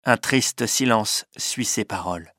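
Male storybook narrator, measured and clear, dry booth sound. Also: lowish voice, bright, forceful tone, no echo. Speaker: audiobook narrator.

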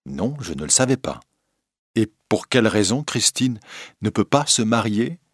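A man reading a storybook, voicing an anxious young nobleman who speaks in a hushed, gloomy way. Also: fairly low pitch, very animated, normal speed, breathy edge, no echo, clean studio sound, exaggerated voice. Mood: bewildered.

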